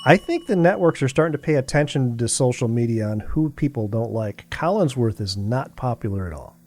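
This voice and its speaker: A man's voice: medium pitch, animated, brisk, darkish tone. A man co-hosting a casual football podcast, teasing and making dry jokes about announcers. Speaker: podcast co-host. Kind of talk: casual sports chat.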